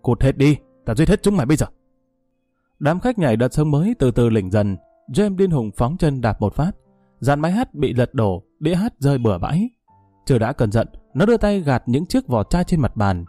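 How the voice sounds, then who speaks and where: A man narrating a dramatic story in a measured way. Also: medium pitch, big pitch swings, dark tone, dry recording, soft background music.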